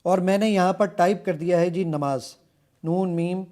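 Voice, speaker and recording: Pakistani guy w a high voice showing off an app on a tv set, eager, explains step by step. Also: a little mellow. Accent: Pakistani Urdu. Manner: eager, explanatory, walking through features step by step. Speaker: app developer and guest. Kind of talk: product demonstration on a TV show. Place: television studio set.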